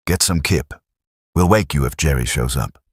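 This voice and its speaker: A man's voice: rumbling low, normal speed, slightly rough, no room sound, studio quality. A man voicing a practical, commanding Welsh platoon sergeant. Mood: brisk.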